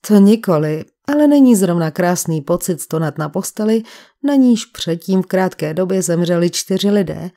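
A woman's voice: fairly low pitch, lively intonation, dark tone. Woman reading as an uneasy male patient.

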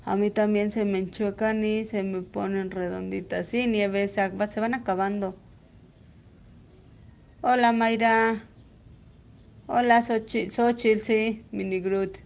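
A woman's voice: mid-range voice, steady tone, slow, creaky, long pauses, a little mellow. A woman with a Mexican accent gives a chatty live-stream embroidery lesson, greeting viewers by name as she stitches. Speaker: embroidery teacher.

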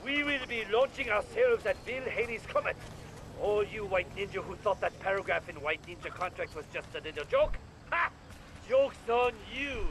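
A man's voice: sits high, lively intonation, moderate pace, rough recording. A man voicing a scheming male ninja leader making gloating announcements on a pirate radio broadcast in a video game. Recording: radio broadcast over loud game noise.

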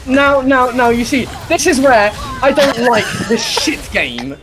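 A man's voice: extremely high pitch, big pitch swings, a little slow, low-quality recording. A young man in casual gaming banter with friends, slangy, exclamatory and foul-mouthed. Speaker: online game player.

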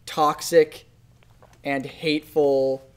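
A young adult man hosting a casual podcast discussion has a slightly high, smooth voice with flat delivery and drawn-out words. He's seated with a group in an indoor room, picked up by a shared desktop microphone.

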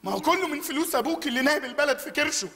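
A man's voice: extremely high pitch, expressive, rapid-fire, heavily acted. An actor playing a mocking, paranoid male café worker in a live Egyptian stage comedy, ranting and accusing. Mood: sarcastic. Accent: Egyptian Arabic. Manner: sarcastic, escalating accusations, shouting rants. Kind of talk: live stage sketch acting. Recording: live theater stage, long reverb, audience.

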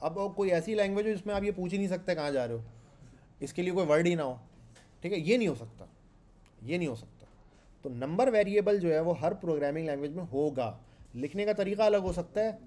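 Mellow-voiced Pakistani man teaching code. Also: high-pitched. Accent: Pakistani Urdu. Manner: conversational, asks the class questions and repeats points. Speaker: programming instructor. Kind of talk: classroom lecture. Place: classroom with students.

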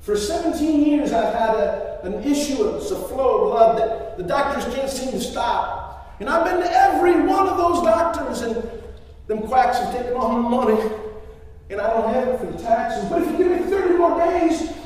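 A man's voice: very high-pitched, expressive, moderate pace, a little mellow, voice pushed up. A man preaching who voices a sick, poor old woman begging the tax collector for more days. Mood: pleading. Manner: pleading, rising emotion. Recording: echoey church hall from far off.

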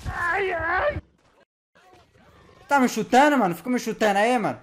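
A man giving casual gameplay commentary, slangy and playful, talking to the game's characters and getting excitable in the action. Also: extremely high pitch, racing, a little hiss or hum. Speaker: gameplay youtuber.

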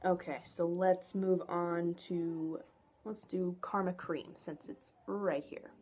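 A young woman talks casually to camera as she reviews products. Her voice sits a little low for a woman, and she sounds informal and enthusiastic. The recording is made indoors on a camera microphone, with some noise behind her. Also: steady tone, slow, dark tone. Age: young adult. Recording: noticeable background noise, home camera audio.

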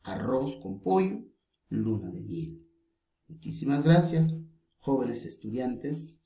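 A woman teacher from Peru talks through a grammar lesson with slow, careful emphasis. Her voice is low and mellow but rises and falls a lot. The recording has a roomy echo. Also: very animated, gravelly. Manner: slow, deliberate explanation with stressed example words.

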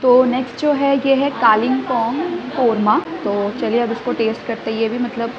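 Young woman food vlogger, high and flat delivery, chatty tasting notes, dull phone audio with clear room noise. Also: moderate pace. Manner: chatty, describes each dish while tasting. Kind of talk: casual food review vlog. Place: small indoor restaurant and outside its entrance.

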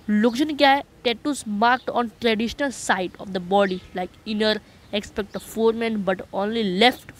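A man walking viewers through a job notice in a voice-over on a screen recording. He talks in a chatty way, keeps checking that listeners follow, and reads English passages slowly. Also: extremely high pitch. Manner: chatty, repeats "okay" to check understanding. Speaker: online job-notice explainer.

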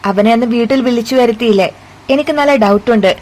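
A woman voicing a scornful, sharp-tongued middle-aged mother-in-law who taunts and accuses. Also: a little high, brisk, close to an everyday voice, poor audio.

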